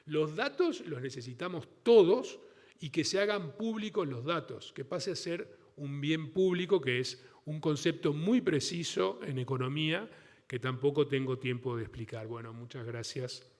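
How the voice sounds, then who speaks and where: A man's voice: on the high side, lively intonation, moderate pace, a little mellow. A man giving an informal conference talk, conversational, voicing other people's objections as he goes. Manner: conversational, acts out quoted objections. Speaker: panel speaker. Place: large indoor room at a public event. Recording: reverberant hall.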